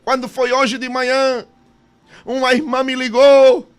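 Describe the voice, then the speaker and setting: A man voicing a humble, devout church brother who speaks quietly and plainly, quoted during a sermon. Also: very high-pitched, monotone, a little slow, pitched above the performer's own voice. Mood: earnest.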